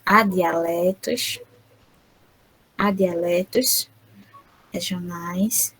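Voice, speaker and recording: A woman interpreting an online lecture aloud, speaking haltingly with frequent tag questions. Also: medium pitch, husky, low-quality recording.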